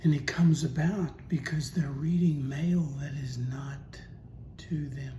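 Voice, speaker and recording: A man's voice: fairly high pitch, slow pace. A man giving a casual Bible teaching talk, telling a story and asking rhetorical questions. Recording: echoey room with steady noise.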